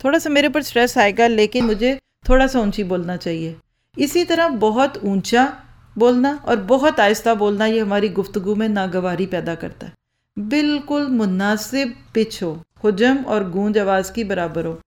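Speaking into a handheld or stand mic in a lecture hall with rows of listeners, a woman gives a talk on speaking skills. Her medium-pitched, slightly mellow voice has lively intonation and a moderate pace, and she poses rhetorical questions that she then answers.

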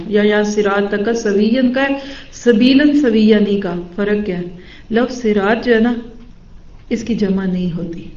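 A woman's voice: medium pitch, a little mellow, highs cut off. Woman teaching Quran in a roomy space. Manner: explains Arabic words, mixes in English terms; asks the listeners questions and answers them herself. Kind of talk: Urdu Quran tafsir lecture.

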